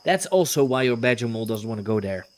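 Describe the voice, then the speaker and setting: A man's voice: mid-range voice, lively intonation, fast, a little hiss or hum. A man, narrating as game master, often stopping to search for words.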